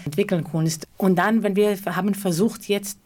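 A woman's voice: mid-range voice, steady tone, moderate pace, a little mellow, a little hiss or hum. Hesitant woman. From Israel. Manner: searching for words, frequent hesitations. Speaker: choreographer and theatre co-founder. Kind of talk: interview answer.

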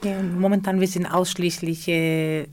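A woman's voice: fairly low pitch, level tone, a little slow, a little mellow. A middle-aged woman from Israel, a choreographer, speaking German in an interview, often searching for words. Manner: searching for words, frequent hesitations. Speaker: choreographer and theatre co-founder. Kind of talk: interview answer.

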